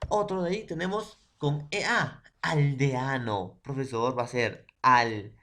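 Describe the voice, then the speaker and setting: A Peruvian man teaches a secondary school language class in a mid-range, sing-song voice with a sharp tone. He slowly spells words out syllable by syllable, checks understanding with frequent "¿ya?" and "¿no?", and asks questions he then answers himself.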